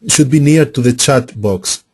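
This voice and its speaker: A man hosting and moderating an online webinar through a computer mic, speaking haltingly with fillers and repeated starts. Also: mid-range voice, a little mellow, husky, dry recording. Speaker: webinar host. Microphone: computer mic on an online call.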